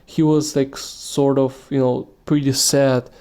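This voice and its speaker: A man's voice: mid-range voice, flat delivery, takes it slowly, darkish tone, clear, resonant tone. A man hosting a solo podcast, talking casually and rambling with many restarts and fillers. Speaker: podcast host.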